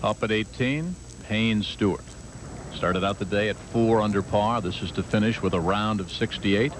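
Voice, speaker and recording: A man's voice: lowish voice, normal speed. A man anchoring live golf coverage, delivering sports commentary as host of the broadcast. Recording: loud outdoor broadcast background noise.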